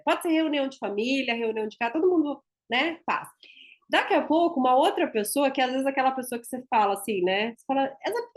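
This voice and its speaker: A woman with a Brazilian Portuguese accent, a dentist teaching a class in a chatty, emphatic way and often tagging her sentences with "né?". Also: high voice. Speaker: instructor and dentist.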